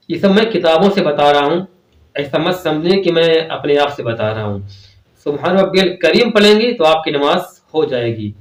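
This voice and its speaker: A man's voice: fairly high pitch, fairly bright tone, roomy sound, rough recording. A man patiently teaching the steps of prayer, repeating and rephrasing each point. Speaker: religious teacher. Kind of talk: step-by-step prayer instruction.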